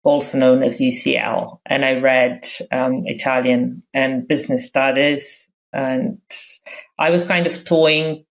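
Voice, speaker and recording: On a low-quality recording, a woman in her fifties from Croatia, speaking English acquired later, discusses her background during a casual podcast interview. Her creaky voice sits very low for a woman, with a steady tone and slow pace. She thinks aloud, stopping frequently, using fillers and beginning again.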